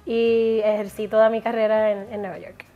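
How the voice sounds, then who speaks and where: A woman's voice: medium pitch, level tone, moderate pace, lo-fi sound, slight background noise. A middle-aged woman from Puerto Rico, a musician guest in a casual interview, who laughs often while she talks.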